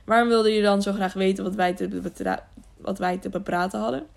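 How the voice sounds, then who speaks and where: Brief: woman doing a composed knight, measured and gravelly. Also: medium pitch, fairly even intonation, darkish tone, natural voice. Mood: firm. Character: adult male knight, calm and firm.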